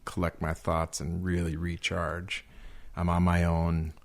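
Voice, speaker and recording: Low-voiced man musing in conversation. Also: completely flat delivery, measured pace. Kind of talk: casual ministry podcast discussion.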